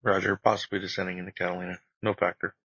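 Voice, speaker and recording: Man, air traffic controller, very quick, clipped procedural phrasing, dry muffled radio sound. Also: sits low, little pitch movement, pushed and bright, slightly rough, no room sound. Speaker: air traffic controller in an online flight simulation. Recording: dry, dull band-limited radio audio.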